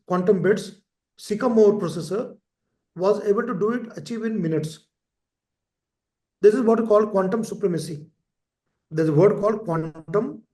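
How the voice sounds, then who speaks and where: A man delivers an exam-prep lecture in a high voice. He repeats key terms and keeps checking in with his listeners. The recording carries a roomy echo. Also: mellow. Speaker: teacher. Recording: echoey room.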